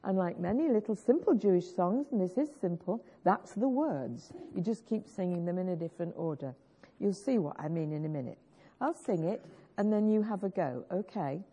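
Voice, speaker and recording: On a dull lo-fi recording with a little hiss or hum, a growly-voiced woman preaches earnestly, urging her congregation and coaxing them into a worship song. She sounds fairly low-pitched, animated, and dark in tone, speaking at normal speed.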